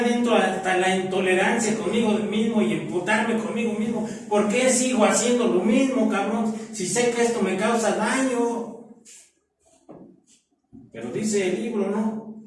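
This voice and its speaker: A middle-aged Mexican man sharing his testimony at a support group meeting, speaking roughly and with profanity, punctuating nearly every phrase with "¿no?" and "¿verdad?". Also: high voice, a little hiss or hum. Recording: echoey room, far from the mic.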